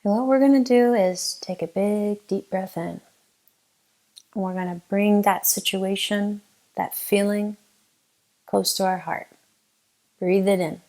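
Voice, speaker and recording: During a guided meditation, a woman teaching the session gives gentle, leisurely instructions with long gaps between them. Her mid-range voice holds a steady tone, though the audio is poor.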